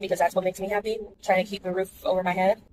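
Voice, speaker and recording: A woman's voice: medium pitch, very fast, a little hiss or hum, poor audio. A woman talking candidly to viewers in a casual vlog while driving in the rain. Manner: chatty, candid, animated asides to viewers. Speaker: vlogger.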